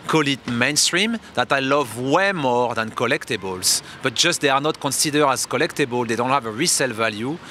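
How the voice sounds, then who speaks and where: Bright-voiced French man musing. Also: medium pitch, lively intonation, a little fast, few pauses, a little hiss or hum. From France. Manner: reflective, loose phrasing with frequent restarts. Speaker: interview guest. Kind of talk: casual interview talk.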